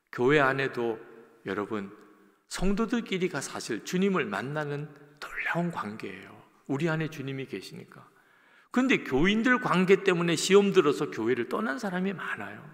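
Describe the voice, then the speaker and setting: A man's voice: medium pitch, vocal fry. A man preaching a sermon as a pastor, telling stories, acting out quotes and speaking straight to the congregation. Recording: long church-hall reverb.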